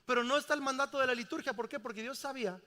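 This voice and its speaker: A man's voice: extremely high pitch, rapid-fire, bright, forceful tone. A middle-aged man, preaching a sermon emphatically and asking the congregation questions. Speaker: pastor. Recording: reverberant church hall.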